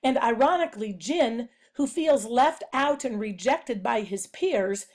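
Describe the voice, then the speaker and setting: A woman giving a narrated presentation analysing a novel, speaking in a measured, explanatory way. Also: a little high, animated, a little mellow. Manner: measured, explanatory, reads quotes aloud.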